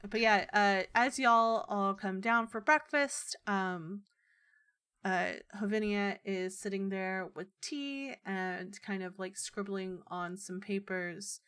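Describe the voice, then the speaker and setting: Casting: an unhurried woman game master with a mid-range voice, easygoing and full of fillers. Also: mid-range voice, smooth. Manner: relaxed, with many ums and uhs. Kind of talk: running a tabletop game.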